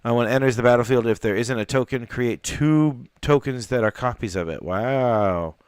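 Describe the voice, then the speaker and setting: A man hosting a live card unboxing, chatting casually in a rambling way with fillers and excited exclamations. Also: medium pitch, a little fast, smooth, no room sound.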